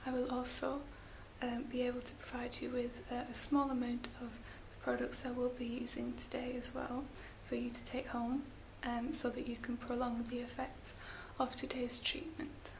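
A woman whispering gently as a spa beauty therapist in an ASMR roleplay, slow and soft with little fillers. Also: fairly high pitch, monotone, creaky, rough recording. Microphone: close sensitive mic. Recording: hissy close mic.

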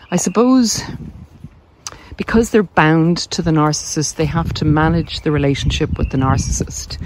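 A woman with a low-sitting voice gives an informal, explanatory podcast monologue, posing questions and answering them conversationally. Loud vehicle and wind noise fill the recording, along with clicks.

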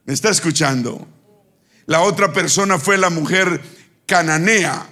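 Male preacher, high gravelly voice, slow call-and-response sermon. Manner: shouts at peaks.

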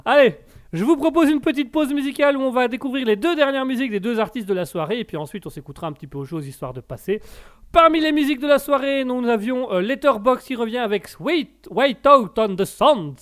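A man's voice: very high-pitched, expressive, fast, clean tone. A man hosting a live radio call-in show in a playful, joking way, often hesitating and restarting. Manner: playful, jokes with his own made-up characters; hesitant, with many fillers and restarts. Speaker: radio host. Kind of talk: casual live call-in chat.

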